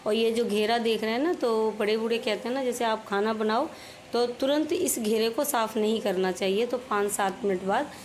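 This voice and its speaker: A woman's voice: on the high side, fairly even intonation, normal speed. A middle-aged woman talks in a chatty, homely way, narrating her daily chores as a voice-over. Her throat is a little sore, and a faint hiss sits behind her voice. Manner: chatty, homely, explains while working. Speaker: home vlogger. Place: home.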